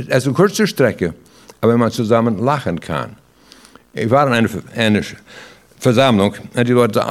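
An older man tells stories and preaches in a casual, warm way. He asks rhetorical questions, laughs between points, and often restarts his words. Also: on the low side. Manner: halting with many restarts. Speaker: traveling evangelist. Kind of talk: informal sermon testimony.

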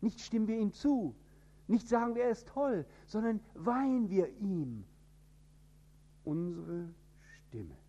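A man from northern Germany with a standard High German accent, preaching an emphatic sermon. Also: very animated, takes it slowly, pauses often, lo-fi sound. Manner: emphatic, with sudden rises in pitch and loudness.

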